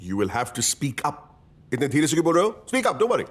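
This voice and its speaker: A man's voice: fairly high pitch, sing-song, moderate pace. An actor playing a hard-of-hearing, flustered male ear doctor who mishears words and repeats himself, in a film comedy.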